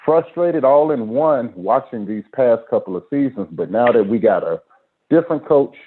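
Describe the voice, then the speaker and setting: A man talking casually on a group voice chat, earnest and halting, restarting his sentences as he goes. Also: medium pitch, expressive. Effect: heard over a group voice chat line. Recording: tinny phone-like voice chat audio.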